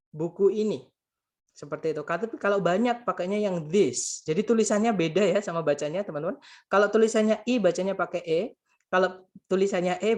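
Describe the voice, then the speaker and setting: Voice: medium pitch, a little mellow. Patient, chatty grammar tutor. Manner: patient, repeats points and translates each example; keeps addressing listeners as friends. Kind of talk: casual spoken grammar lesson.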